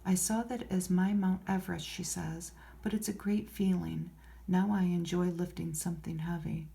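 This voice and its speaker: A woman speaking in a soft, hushed, often whispered ASMR voice, reading from a magazine with unhurried, murmured, rambling asides to herself. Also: on the low side, flat delivery, creaky. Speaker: ASMR host. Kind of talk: soft-spoken ASMR magazine read-through with casual commentary.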